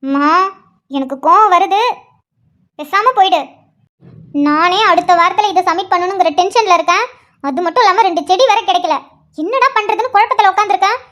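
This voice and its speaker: A woman's voice: very high voice, brisk, pauses often, a bit bright. A woman voicing an exasperated young woman who snaps at her mother. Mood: irritated. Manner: exasperated, snappy. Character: irritated young woman, a student.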